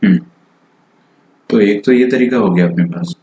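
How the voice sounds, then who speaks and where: A man teaching maths in a live online lecture, working problems out loud in Hindi-English and checking in with students with frequent tag questions. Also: lowish voice, normal speed, poor audio. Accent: Indian. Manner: thinks aloud while solving, mixes in English phrases.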